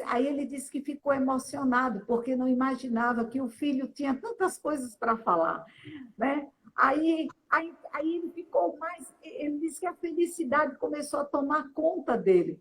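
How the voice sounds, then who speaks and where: Woman speaker, higher voice, earnest testimony storytelling, faint hiss behind. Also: rough recording. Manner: earnest, often ends phrases with a questioning tag.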